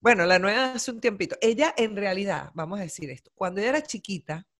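A woman's voice: medium pitch, quick pace. A middle-aged woman chatting casually and candidly, telling stories about her daughter and acting out remembered conversations. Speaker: podcast co-host. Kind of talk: casual chat.

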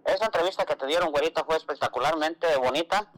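A man's voice: a little high, fast, a bit bright, low-quality recording. Man telling a story on radio. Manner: storytelling, quotes others, calls co-host "güerita". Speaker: radio co-host. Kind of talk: casual radio chat.

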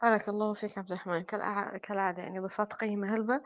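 A woman with a Libyan Arabic accent, a psychologist guest explaining with frequent filler pauses in a panel discussion. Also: mid-range voice, fairly even intonation, highs cut off.

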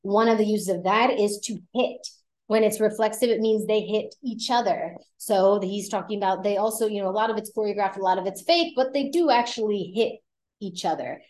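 A woman with a Puerto Rican Spanish accent teaching Spanish in a casual podcast lesson, explaining phrases and stretching words out for emphasis. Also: mid-range voice.

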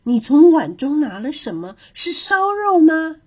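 A woman's voice: high voice, sing-song, measured pace, pitched above the performer's own voice. A woman voicing a hungry, greedy male coyote in a children's story, eagerly asking about food.

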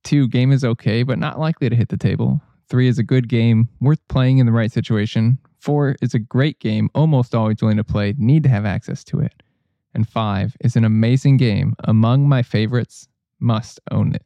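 A man's voice: medium pitch, moderate pace, vocal fry, dry recording, lo-fi sound. A man co-hosting a board game podcast, chatting casually and rambling a little with restarts. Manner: relaxed, rambling with restarts and fillers.

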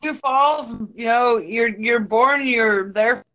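A woman from South Dakota chatting casually, animated and quick to laugh. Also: a little high, muffled recording. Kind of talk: casual chat.

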